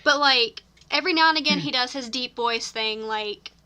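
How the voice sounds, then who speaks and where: Bright-voiced woman on a gaming podcast. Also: high voice, normal speed, clear, resonant tone. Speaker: podcast co-host. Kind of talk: casual gaming podcast chat.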